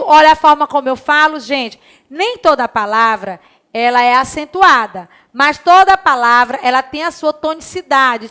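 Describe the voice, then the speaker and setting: Woman, primary teacher, high voice, drawn-out slow reading of words. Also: bright, forceful tone. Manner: asks questions in the pupils' voice and answers them herself. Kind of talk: recorded lesson for young children.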